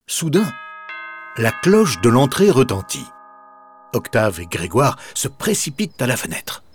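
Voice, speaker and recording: A man reading a children's picture book aloud in an expressive, deliberate way. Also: medium pitch, soft background music. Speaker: storyteller.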